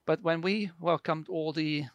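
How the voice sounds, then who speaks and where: This guest, a man from Sweden with a Swedish accent, talks through his work in a halting way, stumbling over fillers and starting sentences again. His pitch is a little high, his tone steady, and his pace a bit slow.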